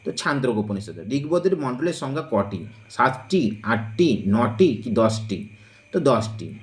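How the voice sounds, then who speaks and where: A man teaching an exam-prep lesson, reading quiz questions and drawing out each answer option slowly and deliberately. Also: mid-range voice, very animated. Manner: slow, deliberate, drawn-out listing of options.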